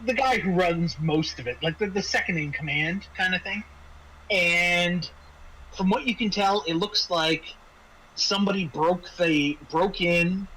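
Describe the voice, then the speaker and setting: A man acting as game master for a tabletop roleplaying game narrates off the cuff, often repeating and restarting phrases. His voice is a little high with a fairly bright tone. The recording is low quality, with faint background noise.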